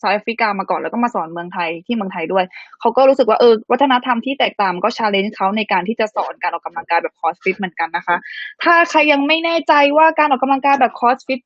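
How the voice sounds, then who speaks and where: A Thai woman with an accent and an animated mid-range voice hosts a live stream interview, translating for viewers. She's bubbly, laughs often, and code-switches rapidly. The audio is dull, with no echo.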